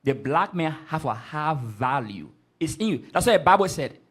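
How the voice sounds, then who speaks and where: A man's voice: fairly high pitch, big pitch swings, moderate pace, a bit bright. A man leading a scripture class, speaking emphatically and often stopping to prompt the reader. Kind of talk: street-corner style Bible class teaching.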